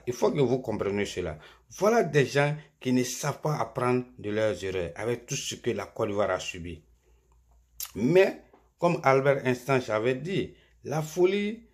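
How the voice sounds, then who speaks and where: A man's voice: fairly low pitch, a little mellow. A man delivering a scolding political monologue, insulting his listeners and rising to emphatic peaks. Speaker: political commentator.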